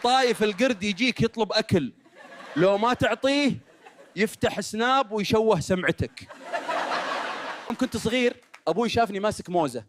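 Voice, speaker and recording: Over clear background noise comes a high-pitched monkey comic , acted out by a man with a Saudi accent. The character is cheeky and boastful, telling short stand-up stories. Each punchline lands in a mock-aggrieved way. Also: expressive, brisk, long pauses. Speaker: stand-up comedian. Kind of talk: stand-up comedy routine of short joke stories. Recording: clearly noisy recording.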